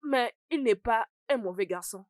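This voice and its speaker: A woman dubbing an earnest young woman into French, calming quarrels and explaining her family's needs. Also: a little high, moderate pace, dry recording, clean studio sound, natural voice. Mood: placating. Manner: earnest, placating. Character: young woman torn between suitor and brother. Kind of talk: French film dub.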